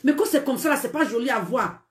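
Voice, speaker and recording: A fast-talking woman with a high voice and a Cameroonian French accent, hosting a live stream of relationship talk. She scolds emphatically and repeats her points, laughing through her words. The sound is echoey, as if from a bare room. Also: lively intonation. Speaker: live-stream dating advice host.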